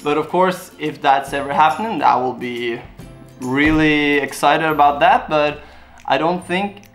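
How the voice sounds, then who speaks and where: A young man from Norway, speaking with a Norwegian accent, talks unhurriedly in a fairly high, somewhat bright voice while soft music plays behind him. In this casual to-camera Q&A, the YouTube vlogger answers viewers earnestly, rambling in simple words.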